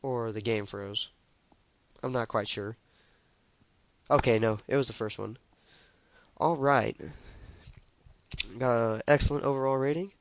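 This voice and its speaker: Gravelly guy narrating his gameplay. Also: medium pitch, a little slow, long pauses, no room sound, poor audio. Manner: chatty, jokey, narrates his moves as he plays. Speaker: let's play gamer. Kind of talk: casual gameplay commentary.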